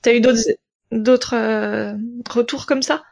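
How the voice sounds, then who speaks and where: Une femme qui anime un podcast et mène l'entretien de façon décontractée, avec de courtes relances et des questions. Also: female voice, fairly high pitch, steady tone, takes it slowly, gravelly, darkish tone. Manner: brief affirming interjections and questions. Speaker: podcast host. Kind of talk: casual interview talk.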